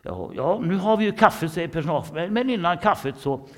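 A man voicing an evasive, polite office personnel manager in a raised, loud voice. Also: high voice, expressive, pitched above the performer's own voice. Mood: brushing off.

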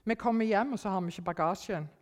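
A middle-aged woman giving a personal testimony to an audience, telling it in a lively way, acting out her own thoughts and sometimes dropping almost to a whisper. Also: medium pitch. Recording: long hall reverb.

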